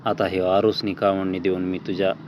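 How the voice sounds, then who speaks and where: A man reads out a proud village laborer who speaks bluntly and plainly. The voice sits very low and stays flat, with a faint hiss behind it. It is an audio storybook telling. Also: normal speed, lightly acted. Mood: defiant. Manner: blunt rustic village speech.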